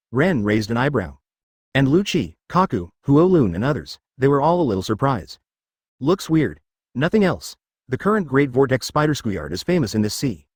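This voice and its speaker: A man reading fan fiction aloud as a steady scripted narration. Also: mid-range voice, no echo, studio quality.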